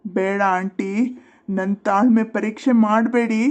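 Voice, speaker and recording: A woman voicing a caring boy who calmly but firmly defends his little sister in a cartoon. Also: mid-range voice, measured pace, close to an everyday voice. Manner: calm, firm. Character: protective boy, caring older brother.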